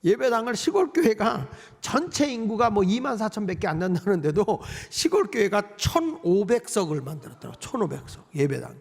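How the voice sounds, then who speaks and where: A middle-aged male pastor with a high, gravelly voice that swoops up and down as he preaches. He keeps the delivery lively and drops playful mimicking asides. A long reverb rings around him in a large church sanctuary. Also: normal speed, hardly any pauses. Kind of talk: Friday night service sermon.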